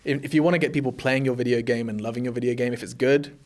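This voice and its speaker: A man's voice: medium pitch, steady tone, rapid-fire. A young man chatting casually as an interview guest, joking and self-deprecating. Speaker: esports caster, guest.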